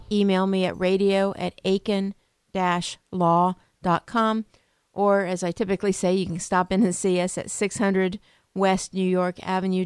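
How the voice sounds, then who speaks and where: A woman with a smooth, lowish voice gives interview answers as an attorney. She speaks haltingly and is recorded dry and close. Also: darkish tone, no room sound. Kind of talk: spontaneous radio interview answers.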